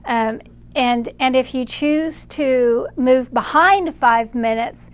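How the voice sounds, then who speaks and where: A woman with a slightly high voice delivers channeled spiritual guidance. She talks slowly and deliberately, pausing between phrases. She refers to herself as "we" while she relays it. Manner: slow, measured, speaks as "we" for unseen guides.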